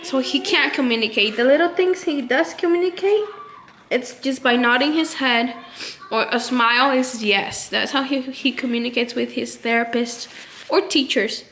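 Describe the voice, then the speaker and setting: A mother talking in a personal vlog, holding back tears, halting and frustrated, with many restarts. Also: sits high, a bit bright, slight background noise. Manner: halting, hesitant, full of restarts; frustrated and upset. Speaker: mother vlogger.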